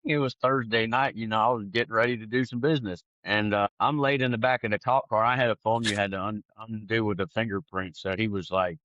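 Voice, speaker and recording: A man telling his testimony in an animated, conversational way. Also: fairly low pitch, fairly quick, few pauses, highs cut off, a little hiss or hum. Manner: animated, acts out other people's lines. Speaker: guest sharing his testimony. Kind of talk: conversational storytelling.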